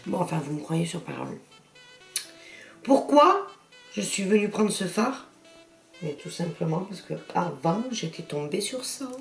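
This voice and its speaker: Gravelly-voiced woman chatting in an echoey room. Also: on the low side, very animated, measured pace, long pauses. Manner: chatty and exclamatory, with many "voilà" and "hein" fillers. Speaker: beauty vlogger. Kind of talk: casual makeup haul chat. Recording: echoey room with faint music.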